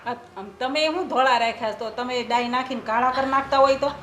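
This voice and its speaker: An older woman with a Gujarati accent playing a mother-in-law in a family film, talking calmly. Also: sits high, fairly quick. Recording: roomy with faint ambience.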